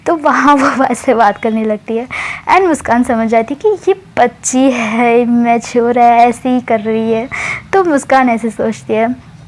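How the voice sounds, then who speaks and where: A woman's voice: on the high side, a little slow. A young woman casually retelling a love story, chatty, mixing English words into her talk and laughing often.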